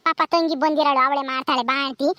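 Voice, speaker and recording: Woman as a bossy village wife, rural karnataka kannada accent, very high bright voice, fast talk, dry close sound. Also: steady tone, dry recording. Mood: scolding. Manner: nagging, scolding, insistent. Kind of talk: village comedy skit.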